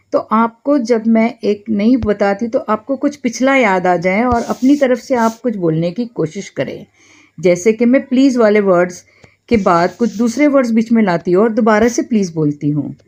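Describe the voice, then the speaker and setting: A woman teaching spoken English phrases, saying them slowly and deliberately for learners to repeat. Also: a little high, darkish tone. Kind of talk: bilingual language lesson.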